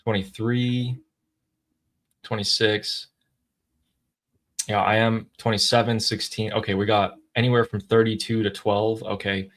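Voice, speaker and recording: A man's voice: on the low side, level tone, a little slow, pauses often, fairly bright tone. A man in his twenties hosting a live stream, reading out viewer messages with a dry, teasing tone. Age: 20s. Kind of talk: casual live-stream chat.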